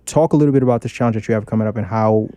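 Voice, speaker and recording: A man hosting an interview show, energetic and constantly affirming his guests. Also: on the low side, racing, clean tone, no echo. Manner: energetic, frequent affirmations like got you. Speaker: host.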